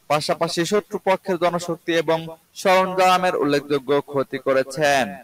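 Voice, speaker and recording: A man reading international news in a formal, even newsreader delivery. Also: a little high, low-quality recording. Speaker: news reader. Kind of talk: scripted news narration.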